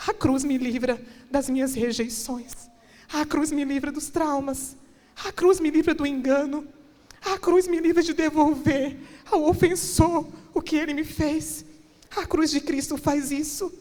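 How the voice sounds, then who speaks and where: A woman's voice: high-pitched, dark tone. A woman minister preaching a sermon and giving an impassioned personal testimony, building to emphatic declarations. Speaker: guest minister. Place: church hall. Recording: long church reverb.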